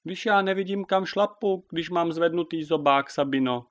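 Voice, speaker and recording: A man's voice: creaky, a bit bright, smooth. A man voicing timid, flustered female hens who whine and fret. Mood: whining. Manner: high fretful whining.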